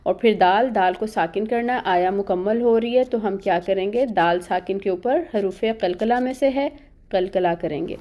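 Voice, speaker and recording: Female tajweed teacher, soft mellow tone, patient step-by-step explainer. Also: mid-range voice. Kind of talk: online recitation lesson.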